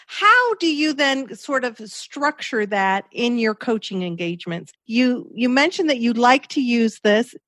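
Higher-voiced woman host, dry close sound. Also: big pitch swings, a little slow, hardly any pauses, fairly bright tone, no room sound. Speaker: podcast host. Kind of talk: interviewing a guest.

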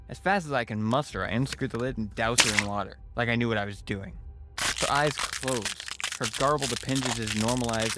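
A man telling a scripted first-person horror story as its narrator. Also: mid-range voice. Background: music.

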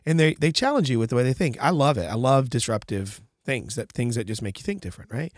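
A man's voice: medium pitch, expressive, fast, no room sound, studio quality. A man with a congested, nasal voice hosting a podcast, chatting casually and emphatically, often repeating himself to make a point. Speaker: podcast host. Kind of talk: casual co-hosted podcast chat.

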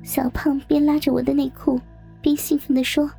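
A woman narrating a first-person adult story in a soft, breathy, near-whispered delivery. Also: high voice, flat delivery, moderate pace, faint music behind.

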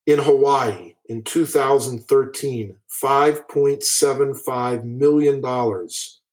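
A man with a mid-range voice reads out court cases at a slow, deliberate pace. He breaks off now and then with blunt, indignant remarks of his own before carrying on. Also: mid-range voice, a little mellow, rough recording. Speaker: commentator on school bullying cases. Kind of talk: talk.

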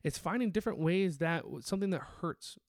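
A man's voice: on the high side, lively intonation, fairly quick, no room sound. A young adult man preaching a sermon in church, earnest and plain-spoken, often restarting and repeating his phrases. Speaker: pastor. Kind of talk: sermon teaching.

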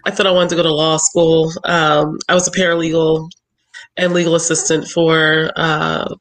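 A woman's voice: low voice, level tone, normal speed, fairly bright tone, rough recording. A woman in her forties from Philadelphia, a travel business owner chatting casually as a podcast guest and laughing often. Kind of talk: casual interview chat.

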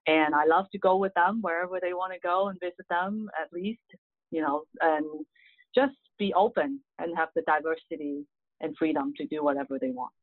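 With a fairly low pitch and normal speed, this middle-aged woman is heard with no echo on tinny, dry phone audio. A Hong Kong real estate agent and native Cantonese speaker, she answers casually in an interview as an earnest guest who leans on "you know" often.

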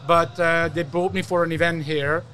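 A man's voice: fairly high pitch, fairly even intonation, moderate pace, pushed and bright, soft background music. A middle-aged man from Hungary with a Hungarian accent, answering questions conversationally as an interview guest. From Hungary, partly raised in Algeria. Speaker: podcast guest, event design entrepreneur.

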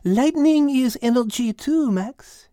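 A woman's voice: high voice, lively intonation, slow, mellow, no echo, studio quality, pitched above the performer's own voice. A woman voicing an encouraging female teacher with a put-on French accent who drops French words into her explanations. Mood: enthusiastic.

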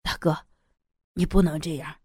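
A woman voicing a loyal, brotherly younger man who talks briskly and stammers when flustered, in an audiobook story. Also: low voice, fairly even intonation, darkish tone, breathy edge, no echo, studio quality, pitched below the performer's own voice. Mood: alarmed. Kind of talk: audiobook character voice.

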